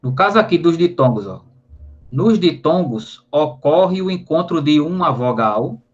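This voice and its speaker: A man's voice: a little high, expressive, a little slow. A Brazilian man with a Brazilian Portuguese accent, a teacher explaining grammar in a recorded online lesson, often adding tag questions and spelling out syllables. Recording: slightly dull lo-fi audio.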